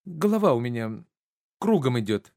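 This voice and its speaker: A man reading a stage play aloud, voicing a middle-aged bourgeois wife who scolds her husband sharply, his voice pushed up high and loud. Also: sing-song, moderate pace, vocal fry, no room sound, clean studio sound. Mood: indignant. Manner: sharp, mocking, indignant.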